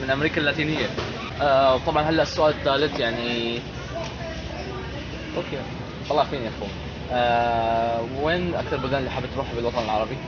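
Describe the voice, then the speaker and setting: A teenage boy with a Levantine Arabic accent hosts a casual, playful vlog, interviewing people and repeating and commenting on their answers. His mid-range voice races along, broken by long pauses. The muffled recording comes from a noisy public place full of urban sounds.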